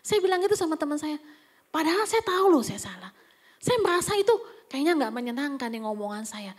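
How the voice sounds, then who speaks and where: A woman pastor preaches in a chatty, storytelling way and slips into whispered asides now and then. Her voice sits very high, and she. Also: slightly rough. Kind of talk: conversational sermon. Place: church service.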